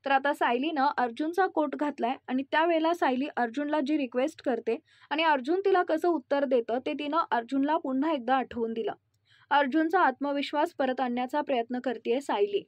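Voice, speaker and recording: A woman's voice: high-pitched, fairly quick, no room sound. A woman with a Marathi accent retelling a TV serial episode and addressing the viewers. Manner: retells scenes and reads character lines aloud. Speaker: TV serial recap host.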